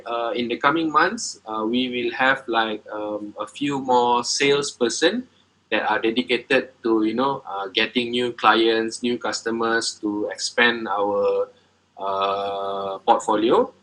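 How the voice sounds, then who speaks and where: A man explains his business plans in a bright, forward voice. He pauses often and fills the gaps with "uh" and "um.". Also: mid-range voice, steady tone, low-quality recording. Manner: hesitant, many filler sounds, halting phrasing. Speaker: coffee business owner presenting. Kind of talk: presentation and Q&A answers.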